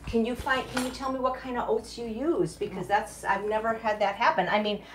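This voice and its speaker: This middle-aged woman's voice is fairly high and fairly even in intonation, a little fast. As chef and host of a casual live cooking demo in her home kitchen, she exclaims with enthusiasm; the poor audio has a slight hiss or hum plus kitchen clatter, dishes, and clicks.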